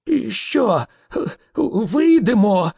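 A nervous ordinary man puffs himself up and blusters in a raised, shaky voice, as a male reader puts him on. The husky tone jumps up and down. This is a storybook hero out of his depth. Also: high voice, animated, slow pace, a little mellow, in a large hall, voice pushed up, heavily acted. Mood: defiant. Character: nervous ordinary Englishman, trembling but defiant.

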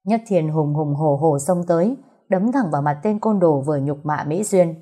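A woman narrating a romance audiobook in a steady storytelling voice. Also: low voice, moderate pace, husky.

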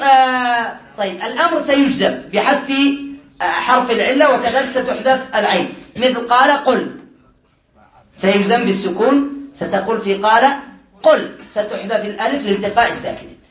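A man's voice: very high-pitched, fairly bright tone. A man teaching a classroom lesson, explaining step by step, quizzing his students and often chuckling as he goes. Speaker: teacher of Arabic morphology. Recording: echoey room.

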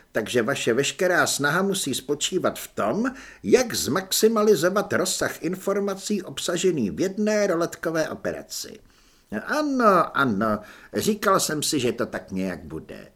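An enthusiastic young soldier who gets carried away explaining clever ideas, as a male narrator voices him. He talks with eager energy and a lively, wide-ranging pitch. His voice has a slightly husky grain. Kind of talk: audiobook character voice.

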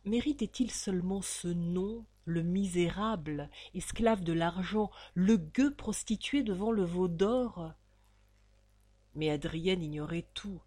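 A woman reading a novel aloud as an audiobook narrator, in an expressive, theatrical manner. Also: fairly low pitch, slow. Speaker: audiobook reader.

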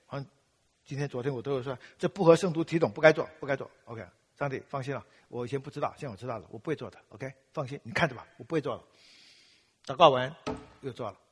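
A man's voice: mid-range voice, quick pace, slightly rough, long reverb tail. An older man from Taiwan preaching, telling his own story with self-mocking humor and acting out his past prayers. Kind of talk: sermon with personal testimony.

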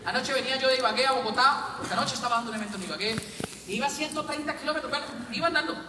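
A man giving an animated motivational seminar talk full of stories and jokes to a live audience. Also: very high-pitched, rapid-fire. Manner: animated, storytelling, jokes with the crowd. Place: large hall with an audience. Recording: echoey hall, distant mic, crowd and noise.

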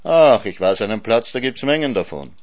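A man's voice: medium pitch, very animated, moderate pace, no echo, lightly acted. A man reading a storybook, voicing a sly trickster hare who coaxes and teases. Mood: teasing. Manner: teasing, coaxing.

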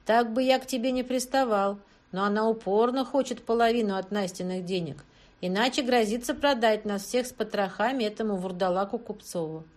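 A woman's voice: medium pitch, brisk, darkish tone, close to an everyday voice. A woman voicing a menacing male kidnapper who barks threats and orders. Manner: threatening, barking.

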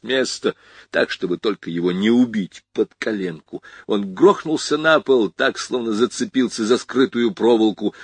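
A man narrating a hardboiled crime novel in the first person, measured and even. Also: low voice, husky, dry recording. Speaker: audiobook narrator.

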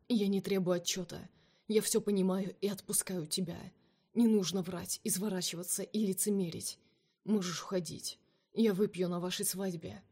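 A woman's voice: fairly low pitch, warm tone, slightly rough. A woman voicing a cold, jealous, menacing man. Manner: cold, cutting, at times hissed.

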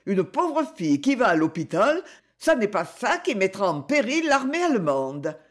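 A woman reading aloud, voicing a young male soldier who gives brisk commands. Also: mid-range voice, big pitch swings.

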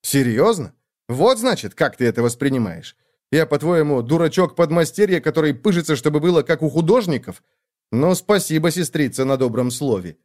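A man's voice: a little high, expressive, fairly quick, darkish tone, natural voice. A man voicing an irritable young painter, the older brother, snapping in tense outbursts. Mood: irritated, angry.

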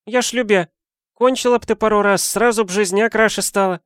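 A man's voice: high-pitched, fairly even intonation, fairly quick, fairly bright tone, smooth, no echo, studio quality, pitched above the performer's own voice. A man voicing a giggly, teasing redheaded young woman with a crude, pushy way of talking, in an audiobook.

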